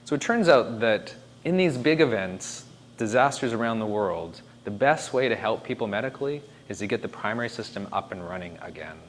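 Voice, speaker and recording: A man giving an informal presentation, conversational and emphatic as he thinks aloud. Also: lowish voice. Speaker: speaker presenting disaster planning. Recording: faint background noise.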